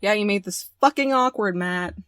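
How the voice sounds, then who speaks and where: A woman's voice: medium pitch, moderate pace, fairly bright tone, no echo. A young woman playing a romance game, reading the story aloud and joking in slang. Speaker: let's play host. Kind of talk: game let's play, narration with commentary.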